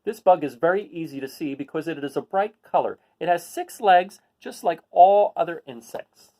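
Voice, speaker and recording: Hosting a read-aloud, a man with a slightly high, mellow voice reads a children's picture book in an animated way at a moderate pace. He drops in casual asides and puts questions to his listeners.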